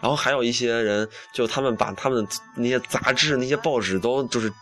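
A man's voice: medium pitch, fairly quick, a bit bright, faint music behind. A young man hosting a campus radio show, telling a story in a chatty, self-mocking way and acting out the dialogue. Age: young adult. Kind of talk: casual monologue.

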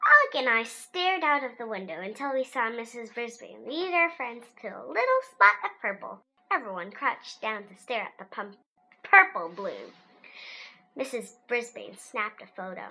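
A woman reading a children's storybook aloud in an animated, sing-song, playful way. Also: a little high, moderate pace, slight background noise, low-quality recording. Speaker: storybook reader.

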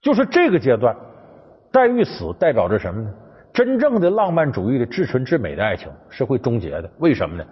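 Animated, husky male storyteller. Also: medium pitch, fairly quick. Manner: colloquial, animated, addresses listeners. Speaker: lecturer on classic literature. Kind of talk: storytelling lecture. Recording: dull, with background music.

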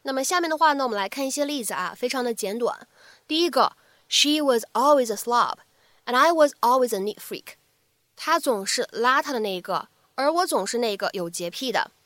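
Woman teacher, fairly high voice, dry close sound, lively and patient, repeats phrases slowly. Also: dry recording. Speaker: English teacher. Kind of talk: spoken English lesson.

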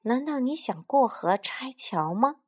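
Storybook pied piper, male, proud and quick to anger, voiced by a woman narrator, raised pitch. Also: lively intonation, slightly rough. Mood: angry.

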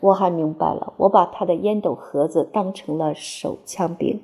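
A woman narrating a literary novel aloud in the first person, with a measured and expressive reading. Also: on the low side, husky. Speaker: audiobook narrator.

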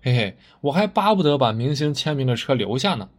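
A blustering middle-aged car dealer who stammers when cornered, his voice jumping high and lively, as a male storyteller acts him out. He is pushy and quick to flare up. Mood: placating.

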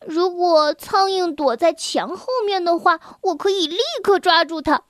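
A woman's voice: very high-pitched, moderate pace, fairly bright tone, no room sound, studio quality. A woman voicing a playful, mischievous young male frog in a children's storybook, with a teasing, giggly way of talking. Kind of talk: storybook reading.

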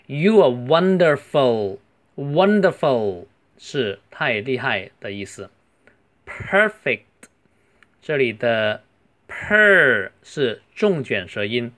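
A man, a native Chinese speaker, teaching English pronunciation in a beginner lesson, saying each word slowly and carefully. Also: mid-range voice, pushed and bright. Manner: slow, careful demonstration of English words. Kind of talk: language lesson explaining pronunciation.

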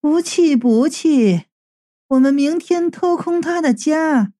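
A reader voicing a sly, calm young woman who talks softly and knowingly in an audiobook story. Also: high voice, slow pace, voice pushed up. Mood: soothing. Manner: soft, hushed and knowing. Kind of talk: audiobook character voice.

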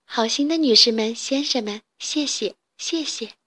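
A shy, sweet young hen from a storybook, voiced by a woman reading the tale. She speaks gently and a little bashfully in a high, soft voice. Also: lively intonation, measured pace.

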